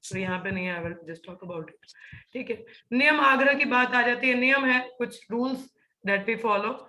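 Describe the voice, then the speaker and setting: A woman's voice: a little high, unhurried, bright, forceful tone, reverberant, low-quality recording. A woman teaching a scripture class, mixing Hindi and English and checking in with her students again and again. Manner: explanatory, many "ठीक है" check-ins.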